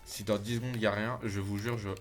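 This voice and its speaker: A man with a low-leaning voice talks fairly quickly over faint background music. He streams a video game with casual, chatty, excitable commentary, greets his chat as "les gars," and swears when the game gets frustrating.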